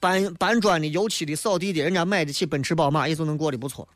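A man's voice: a little high, fast, over a noisy crowd, heavy background noise. A man with a Shaanxi dialect accent hosting a comic talk radio show, delivering a wry, joking monologue that mocks common misconceptions. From Shaanxi, China.

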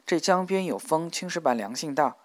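A man voicing a gentle, anxious young woman in an audiobook, speaking softly and pleadingly. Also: on the high side, animated, fairly quick, dry recording, clean studio sound, close to an everyday voice.

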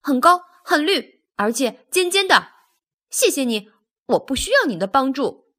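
A hot-tempered young train engine with a high, eager voice that jumps all over the place, put on by a woman reading a storybook. He is keen one moment and snappish the next. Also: very animated, unhurried, breathy edge, full character voice. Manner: eager, snappish when cross.

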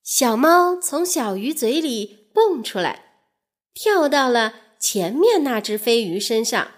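A woman reading a bedtime-style children's story, unhurried and clear. Her high voice swings widely up and down to keep the tale lively. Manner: slow, expressive, storybook cadence.

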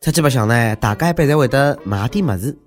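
A male host with a clear Shanghai accent delivers humorous news commentary. His pitch swings in an animated way as he mocks and needles in a conversational tone. Music plays behind his voice. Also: quick pace. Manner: sarcastic, mocking, conversational delivery.

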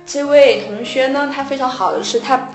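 A woman with a high voice, co-hosting as an English tutor, patiently explains pronunciation points step by step at a moderate pace in a casual, radio-style lesson chat. The room is echoey, with faint music in the background.

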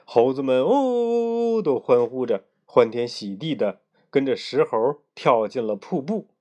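A storyteller narrating a classic tale for children, gentle and expressive, trailing off softly at line ends. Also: medium pitch, measured pace.

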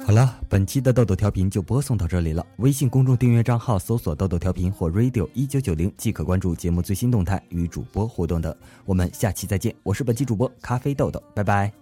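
A man hosting a comedy radio show, telling jokes in speech with animated storytelling and acted-out punchlines. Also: on the low side, fast, few pauses, soft background music. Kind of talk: lively comedic joke-telling radio narration.

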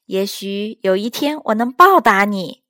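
A woman voicing a small, gentle, grateful butterfly in a children's story, speaking sweetly and earnestly. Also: medium pitch, lively intonation, a little slow, no echo, studio quality.

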